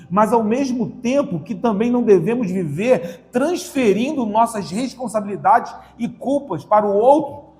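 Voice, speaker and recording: Man, preacher, high-pitched voice, slow emphatic scripture reading, sermon.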